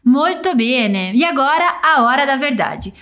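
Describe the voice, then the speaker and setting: High lively female teacher. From Brazil. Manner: models phrases slowly for listeners to repeat. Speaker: language teacher. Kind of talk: guided pronunciation drill.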